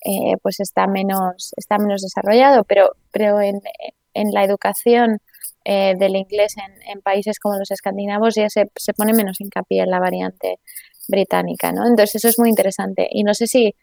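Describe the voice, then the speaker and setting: Woman with a gravelly voice. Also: mid-range voice, flat delivery, moderate pace, warm tone, dry recording. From Spain. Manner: explains at length with frequent restarts and tag questions. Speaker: interview guest, economist and author. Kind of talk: conversational interview.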